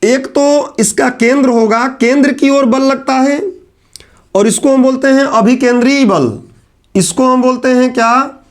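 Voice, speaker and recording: A man with a strikingly high voice teaches a class at a whiteboard. He talks in a relaxed, chatty way and drops teasing asides to his students. He slows down to repeat the key terms. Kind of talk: classroom lecture.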